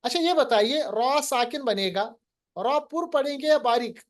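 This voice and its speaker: A man teaching Quran recitation in a lesson, quizzing his student and slowly drawing out recited words. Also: very high-pitched. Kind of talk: online lesson.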